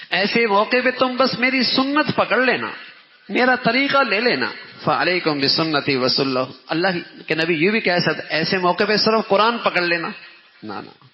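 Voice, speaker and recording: Emphatic preacher in a reverberant hall. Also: male voice. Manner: emphatic, swings pitch widely, repeats phrases for stress. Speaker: religious teacher. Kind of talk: Ramadan sermon lecture. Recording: dull lo-fi sound with long hall reverb.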